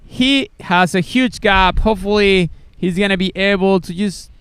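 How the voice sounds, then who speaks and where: A man's voice: sits high, moderate pace, a bit bright, clean tone, no room sound. A man giving live race commentary, eager and chatty, with many fillers and restarts.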